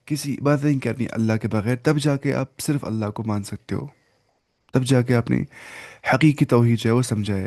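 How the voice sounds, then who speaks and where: A man teaching a Quran lesson in Urdu, explaining word meanings step by step, asking and answering his own questions, slipping in English words and reciting Arabic phrases slowly. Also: mid-range voice, darkish tone.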